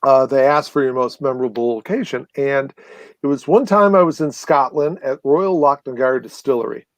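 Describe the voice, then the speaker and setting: A man's voice: medium pitch, normal speed, no echo. A man appearing as a guest, telling long stories in a casual, rambling way with many fillers and restarts. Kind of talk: casual storytelling chat.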